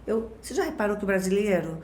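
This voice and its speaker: A woman's voice: medium pitch, lively intonation, fast talker, darkish tone. Talkative carioca woman, roomy sound. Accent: Rio de Janeiro Portuguese. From Brazil, born in Minas Gerais. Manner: talkative, explains with everyday examples, frequent tag questions. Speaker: guest expert. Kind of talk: casual explanatory chat.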